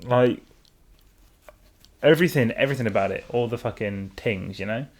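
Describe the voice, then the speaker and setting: A man's voice: mid-range voice, normal speed. A young man, hosting a casual chat podcast and talking in a loose, profane, filler-heavy drawl. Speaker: podcast host.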